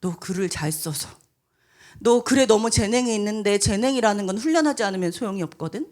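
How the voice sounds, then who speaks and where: A woman voicing a gentle, remorseful elementary school teacher who speaks softly, slowly and sincerely. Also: medium pitch, animated, close to an everyday voice. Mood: tender. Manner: soft, slow and sincere. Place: church hall at a youth retreat.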